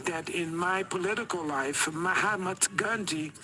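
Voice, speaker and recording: A man working as a simultaneous interpreter, rendering a formal speech haltingly in short chunks. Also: high voice. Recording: loud noise behind the voice.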